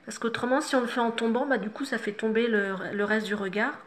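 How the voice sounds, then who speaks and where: A woman's voice: a little high, fast talker. A middle-aged woman talking viewers through a makeup tutorial, chatty and instructive, with self-mocking asides. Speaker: makeup vlogger.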